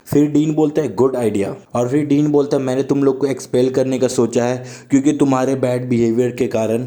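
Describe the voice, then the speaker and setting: This mellow, mid-range male voice belongs to a young man with a sore throat. He casually recaps an anime, reading the characters' lines in his own plain voice.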